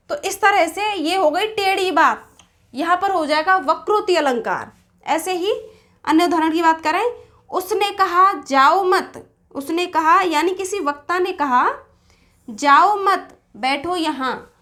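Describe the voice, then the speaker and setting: A woman's voice: very high-pitched, fairly bright tone. A woman teaching a Hindi grammar lesson for exam preparation. She explains step by step, poses questions and answers them herself, and recites couplets in a sing-song cadence. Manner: explains slowly, asks and answers her own questions.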